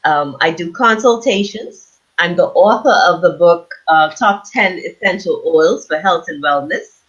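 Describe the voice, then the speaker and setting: Her voice sits fairly low, a little slow, fairly bright and edged with breathiness. She is a Bahamian aromatherapy business owner and author describing her work as a guest on an online call, and the audio is dull and lo-fi.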